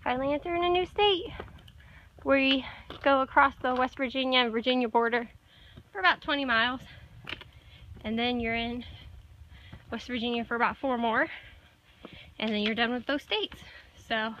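A woman's voice: a little high, moderate pace, pauses often, fairly bright tone, lo-fi sound, a little hiss or hum. A young woman vlogging a long hike on a forest trail, talking casually to a camera held at arm's length. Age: young adult. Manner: chatty, loose with fillers like "like" and "so". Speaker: thru-hiker vlogger. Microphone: handheld camera at arm's length.

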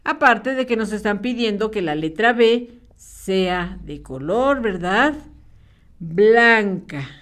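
A woman teaching a spelling lesson to young children, patient and encouraging, spelling words out slowly and clearly. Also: mid-range voice, animated, a bit bright. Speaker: primary school teacher.

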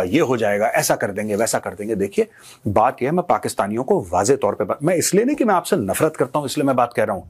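A man's voice: medium pitch, a little mellow, husky. A man giving emphatic political commentary, switching into English phrases mid-sentence. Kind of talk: impassioned commentary.

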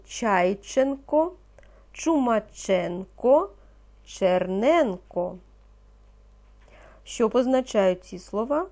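A woman teaching a reading lesson to young children, speaking slowly and patiently and pronouncing each word with care. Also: mid-range voice, vocal fry. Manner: slow, patient, encouraging, pronounces words carefully. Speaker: primary school teacher.

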